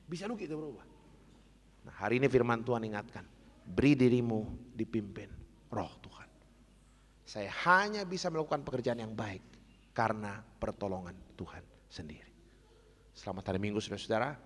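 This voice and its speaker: A man preaching a sermon as pastor, earnest and exhortative, sometimes dropping to soft asides. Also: mid-range voice, expressive, a little fast, pauses often. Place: church. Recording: echoey church hall.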